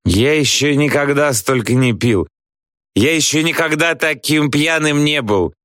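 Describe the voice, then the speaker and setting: A man's voice: mid-range voice, sing-song, normal speed, dry recording, studio quality, voice pushed up, natural voice. A man voicing a cheerful, cocky teenage boy who talks eagerly and boastfully. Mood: amazed.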